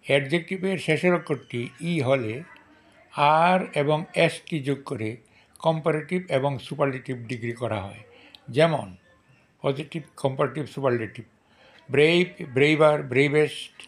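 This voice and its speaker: A man's voice: fairly high pitch, normal speed. A man with a Bengali accent teaching English grammar, reading each rule twice and then listing word forms one by one. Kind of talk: slow dictation-style grammar lesson.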